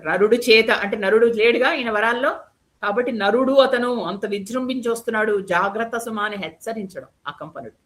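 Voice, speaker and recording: A woman's voice: fairly high pitch, fairly quick, fairly bright tone. A woman narrating an episode of an old epic for listeners, stopping to explain old words and correcting herself as she goes. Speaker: storyteller. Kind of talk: devotional epic retelling.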